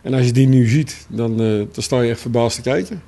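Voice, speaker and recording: A man who coaches a youth theater group, telling relaxed anecdotes in an interview. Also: mid-range voice, fairly quick, creaky. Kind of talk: interview answers.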